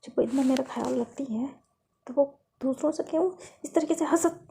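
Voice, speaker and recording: A woman's voice: sits high, normal speed, gravelly, warm tone, a little hiss or hum. Lovely, a woman voicing a hurt angry young woman. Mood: defensive. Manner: bitter, outburst-prone, self-questioning. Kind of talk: storybook reading.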